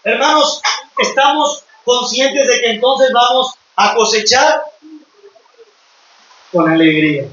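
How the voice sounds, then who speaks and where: A man's voice: extremely high pitch, takes it slowly, long pauses, sharp tone, a little hiss or hum. A man preaching a sermon to his congregation, retelling scripture with emphasis and calling out to the brethren. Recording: echoey hall, distant dull mic.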